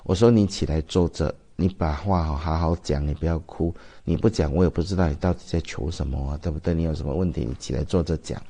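A man's voice: rumbling low, quick pace, few pauses, dark tone. A man with a Taiwanese Mandarin accent, a Buddhist master giving a dharma talk, telling stories and asking the audience rhetorical questions.

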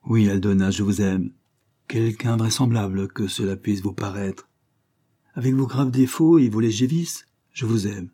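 A man's voice: lowish voice, moderate pace, dark tone, close to an everyday voice. A man reading an audiobook, voicing an earnest young nobleman who speaks in a serious, lecturing way.

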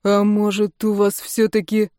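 A woman's voice: mid-range voice, completely flat delivery, unhurried, mellow, no room sound, clean studio sound, lightly acted. A woman reading the part of an inquisitive, snippy young man. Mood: probing. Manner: inquisitive, hissing retorts.

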